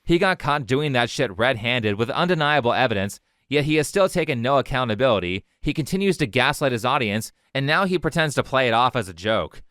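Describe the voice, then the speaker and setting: Crisp, dry-voiced scornful male narrator. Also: mid-range voice, animated, a little fast, few pauses, a bit bright, no echo. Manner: sarcastic, scornful delivery. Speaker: commentary host. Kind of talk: scripted commentary narration.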